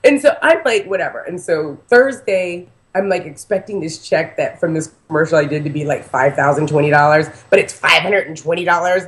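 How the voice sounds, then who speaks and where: A woman in her forties excitedly telling a personal story to a host, emphatic and chatty, full of "like". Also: low-pitched, a little fast, few pauses. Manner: animated, emphatic, heavy use of "like".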